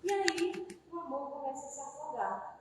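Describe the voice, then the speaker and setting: A woman's voice: high voice, expressive, normal speed. A woman giving a spiritist talk, telling a parable expressively and addressing listeners as brothers. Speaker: spiritist speaker. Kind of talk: sermon with parable storytelling. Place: spiritist center hall. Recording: echoey hall, distant mic, noise.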